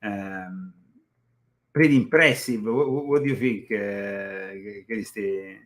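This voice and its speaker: A man hosting a talk show, commenting casually in a halting way, with many fillers and quick laughs. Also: fairly low pitch. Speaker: show host.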